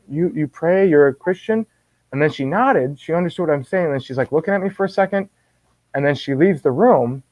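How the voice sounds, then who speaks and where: A man guest telling a personal faith story in an animated way, often restarting and repeating words. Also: on the high side, dry recording. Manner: animated, acts out his own quoted words. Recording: dull dry lo-fi sound.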